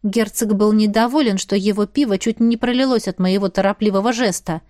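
A woman reading a first-person audiobook in a lively, eager manner. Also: medium pitch, fairly quick, no room sound, studio quality. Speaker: audiobook narrator.

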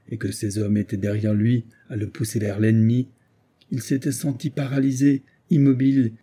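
Dark husky male audiobook narrator. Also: lowish voice. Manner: measured, literary reading. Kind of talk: scripted narration of a novel.

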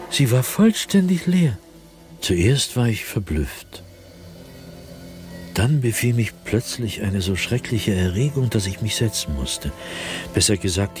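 In a radio drama monologue, an actor with a fairly low-pitched voice plays a tormented man sliding into madness who recounts his nightmares as diary entries. His delivery is brooding and halting, shifting between hushed and agitated.

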